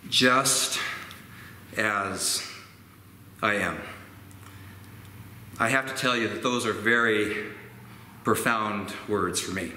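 A man in his sixties preaching a sermon slowly and gently in a church sanctuary, gesturing as he reflects. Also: lowish voice. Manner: slow, gentle and reflective, with expressive hand gestures. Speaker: pastor. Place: church sanctuary with organ pipes. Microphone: fixed camera at medium distance. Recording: roomy church echo, faint ambient noise.

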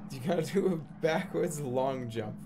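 A man's voice: on the high side, a little slow, noisy background. A man in his thirties giving casual, rambling live-stream game commentary, joking and repeating his phrases. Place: small room at home, indoors.

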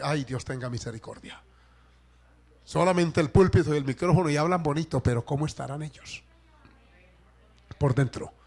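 A man preaching a sermon, calling out to his congregation and swinging between loud exclamations and hushed asides. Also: fairly high pitch. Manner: calls out to the congregation. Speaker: pastor.

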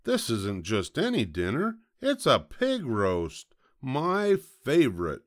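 Man playing a gruff, animated hungry fox. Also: mid-range voice, slow, voice pushed up. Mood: gloating, bossy. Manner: growling, blustery, gloating. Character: hungry, gruff, gullible male fox predator. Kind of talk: children's storybook read-aloud.

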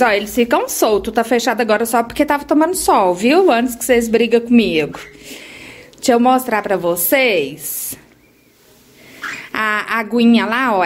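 A woman vlogging casually, chatting to her viewers and often checking in with them. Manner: slips into high baby talk with her pet birds. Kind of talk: casual vlog chat to viewers.

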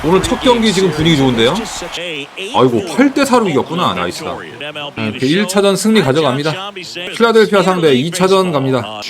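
A Korean man streaming a baseball video game, giving casual play-by-play commentary with sudden excited exclamations. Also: high-pitched, fairly quick, a crowd in the background. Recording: game music playing behind.

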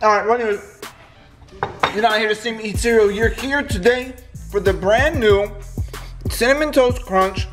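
Stuffy-nosed man, higher-pitched, chatty vlogger. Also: steady tone, moderate pace, pauses often. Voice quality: stuffy, nasal sound after nose surgery. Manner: chatty, addresses viewers as guys, repeats phrases. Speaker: host of a card pack opening channel. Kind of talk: casual vlog commentary. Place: home kitchen indoors. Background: background music.

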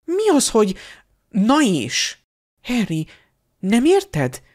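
An eager, bossy teenage schoolgirl witch in a storybook reading, as a man puts her on. She presses her point with impatient insistence, her voice pitched high and jumping about. The reading stays plain and unhurried in between. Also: very animated, a little mellow. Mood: eager, insistent. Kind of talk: fan audiobook character voice.

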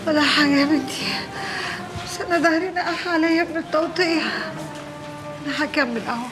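A woman's voice: high-pitched, fast talker, music in the background, natural voice. An actress playing a tired, stoic working woman with an Egyptian accent. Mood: weary.

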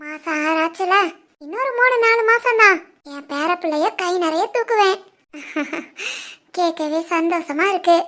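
A woman voicing a fussy, doting middle-aged village mother in an animated family story, with a southern Tamil Nadu accent. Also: very high voice, a little slow, exaggerated voice. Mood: joyful. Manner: bossy, chatty.

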